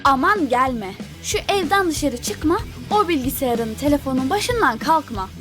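A woman's voice: high voice, expressive, unhurried. A woman voicing a dramatic, guilt-tripping, scolding Turkish mother in a comedy cartoon, nagging in a melodramatic way. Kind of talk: comedy animation sketch. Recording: music behind the voice.

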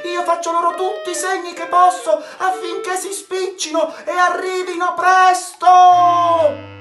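A man's voice: extremely high pitch, completely flat delivery, unhurried, sharp tone, roomy sound, soft background music, pitched above the performer's own voice, exaggerated voice. A man voicing an anxious young woman calling down what she sees in a storybook reading. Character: anxious young woman sister Anna, lookout.

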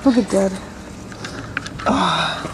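A woman's voice: medium pitch, lively intonation, very slow, background noise. A young woman whose first language is Danish, vlogging while she explores an abandoned factory, giggling, exclaiming and breaking into song. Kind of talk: casual vlog chat.

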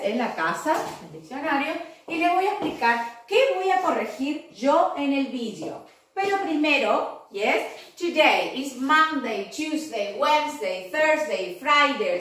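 An Argentine woman in her forties teaches English in a recorded video class for children. Her voice is high and her pace is slow and patient, and she checks in often with short questions. She is filmed from across a room with a strong echo. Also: a bit bright. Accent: Argentine Spanish. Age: 40s. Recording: echoey room, voice from a distance.

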